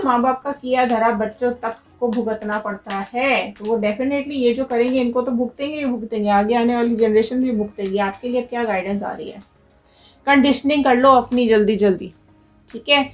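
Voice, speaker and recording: A woman with a fairly high voice gives a tarot reading straight to her viewers. She talks in an urgent, motivational way, pressing them to act. Soft music plays faintly behind her. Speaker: tarot reader.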